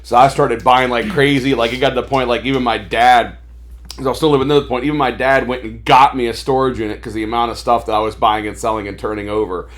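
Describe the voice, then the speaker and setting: A man of middle pitch recounts his story on a podcast in a loose, rambling way. He fills his talk with fillers and slips into livelier voices when he quotes people. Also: fast talker. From Maryland, USA. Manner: rambling, animated retelling with filler words. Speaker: podcast guest, toy store owner. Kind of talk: casual storytelling interview.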